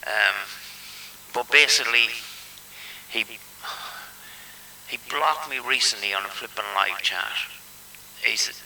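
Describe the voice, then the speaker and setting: A man's voice: medium pitch, slow, gravelly, long pauses, sharp tone, recorded from a distance, slight background noise, low-quality recording. A man telling a rambling, self-amused story in casual chat, chuckling and swearing as he goes. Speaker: channel host.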